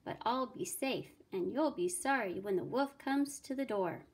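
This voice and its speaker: A woman voicing the earnest, hardworking little pig of a storybook in a steady sing-song. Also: a little high, a little slow, husky, heavily acted. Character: hardworking serious young male pig.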